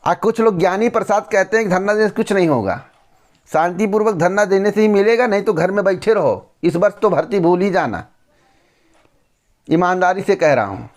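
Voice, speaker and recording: Blunt, lecturing man with a high voice. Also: lively intonation, normal speed. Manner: blunt, lecturing, repeats phrases for emphasis. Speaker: news channel host. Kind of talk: direct-to-camera news commentary.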